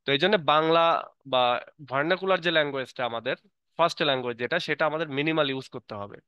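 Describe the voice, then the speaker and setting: A man from Bangladesh teaching an online lecture, reading English lines slowly and haltingly and then explaining them casually in with fillers. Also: a little high, bright, forceful tone, clean tone, no room sound, dull audio.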